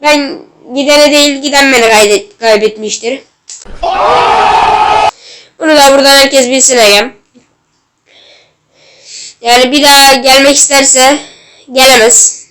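A woman with a high, bright voice commentates her own gameplay. She is excitable and bursts into yells at the referee and the keeper. She sounds a little ill. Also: measured pace, long pauses, some chatter behind. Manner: excitable, shouts at the game and referee. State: slightly ill. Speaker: gaming channel host.

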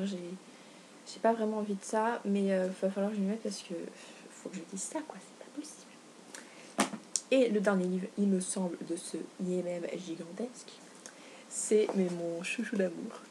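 A young woman chatting casually in a book haul vlog, gushing and excitable, full of fillers and self-corrections. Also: medium pitch. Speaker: book vlogger. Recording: faint background noise.

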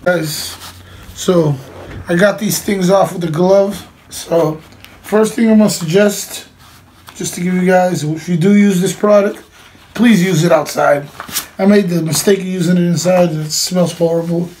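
Giving a hands-on demonstration indoors, a middle-aged man talks to camera in a casual, plain way. His high voice is a little mellow, with fairly even intonation and a measured pace. The small room has a cloth backdrop, and the home recording is clearly noisy.

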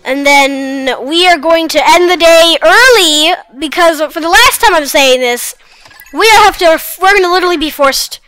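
A woman's voice: very high-pitched, moderate pace, bright, forceful tone, soft background music, rough recording. A woman hosting a casual let's-play, chatting in a rambling, self-deprecating way as she plays. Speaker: gaming channel host.

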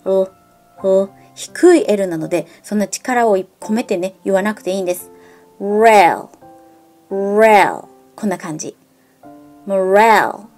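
A middle-aged woman giving a bilingual pronunciation lesson as an English teacher. She enunciates her English slowly and carefully, and she turns lively and emphatic when stressing sounds. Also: medium pitch.

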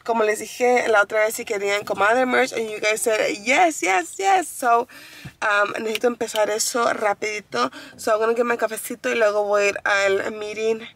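A young woman vlogging casually, chatty and excitable, switching between Spanish and English. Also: a little high, fairly quick, slight background noise. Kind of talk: casual vlog chat.

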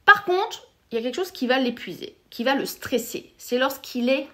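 A woman's voice: sits high, expressive, normal speed. A middle-aged French woman, a psychotherapist, hosting an emphatic direct-to-camera explainer and addressing viewers directly. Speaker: psychotherapist and YouTube host.

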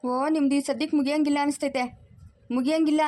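A woman's voice: high voice, fairly even intonation, fast talker, mellow, natural voice. A woman voicing an impatient, sarcastic female police officer in a family cartoon. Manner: curt, sarcastic.

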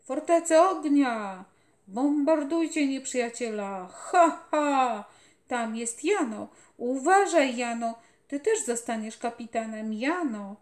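A woman voicing a small, feverish, delirious boy soldier who shouts loudly in a storybook reading, recorded in an echoey room. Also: high voice, lively intonation, slow pace. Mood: feverish shouting. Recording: roomy echoey home recording.

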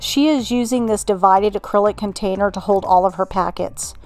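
A middle-aged woman from Texas narrates in a calm, friendly, instructive way, her plain. Her pitch sits in the middle for a woman. Soft music plays faintly beneath the voice-over. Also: fairly quick. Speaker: home organizing channel host.

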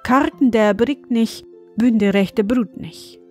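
A woman voicing a gentle, humble young maiden who recites little dialect rhymes in a sing-song manner. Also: fairly high pitch, slow pace, soft background music.

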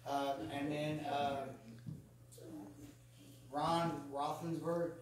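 A male pastor giving church announcements in a halting, hesitant way. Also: a little high, little pitch movement, a little hiss or hum. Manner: halting, hesitant with many uhs. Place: church sanctuary. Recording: echoey church from a distance, congregation around.

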